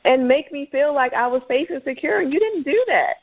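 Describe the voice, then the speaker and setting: A woman's voice: high voice, lively intonation, fairly quick, muffled recording. A woman calling into a radio show, retelling a bad date in an exasperated, dramatic way. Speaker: caller. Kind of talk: radio call-in chat.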